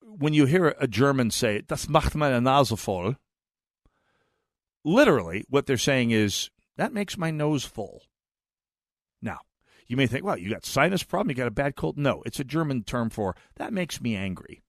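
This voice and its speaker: With big pitch swings in a mid-range voice, a middle-aged U.S. radio host talks at a moderate pace in a chatty, wandering monologue full of restarts and repeated words. The recording is dry and of studio quality.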